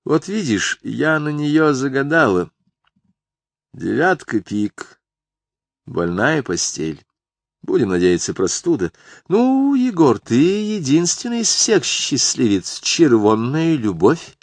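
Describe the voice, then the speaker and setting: A man's voice: mid-range voice, sing-song, slow, no echo, pitched above the performer's own voice, heavily acted. A man voicing a moody middle-aged woman fortune teller who gives clipped, ominous card readings.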